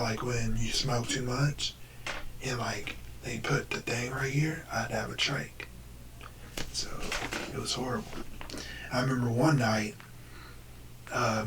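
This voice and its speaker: A young American man with a deep, damaged voice that slips into breathiness tells a personal story to the camera in a casual, hesitant way. The recording is noisy, with a distant microphone.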